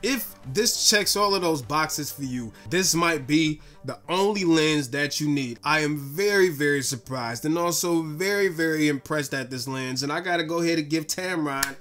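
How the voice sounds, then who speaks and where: A slightly hoarse man giving a casual, enthusiastic camera lens review in a direct, slangy way. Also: fairly high pitch, moderate pace, few pauses, a bit bright, faint music behind.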